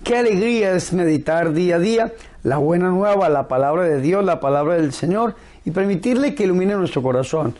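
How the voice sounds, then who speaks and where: Higher-voiced male priest preaching. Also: expressive, a little mellow. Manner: solemn, pastoral, deliberate phrasing. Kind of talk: devotional sermon and prayer.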